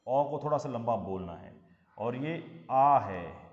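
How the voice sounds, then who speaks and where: A middle-aged man from Rajasthan, a lecturer who teaches English vowel sounds slowly, drawing out each example word. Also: medium pitch, lively intonation. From Rajasthan, India. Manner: slow, drawn-out teaching with examples. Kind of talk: phonetics lesson. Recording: echoey room, dull lo-fi sound.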